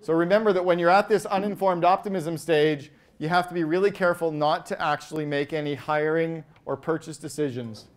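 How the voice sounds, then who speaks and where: On an event stage in front of a live audience, a Canadian man gives an energetic business keynote in a slightly high voice. He is animated, firing quick questions at the crowd, reeling off lists and acting out quoted voices.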